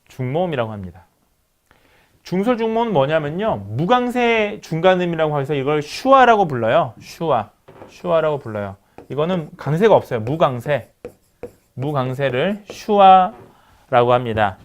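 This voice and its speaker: A middle-aged male lecturer with a slightly high voice teaches phonetics in a calm, patient way. He says sample words slowly and repeats them so the class can practice each sound. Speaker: university lecturer.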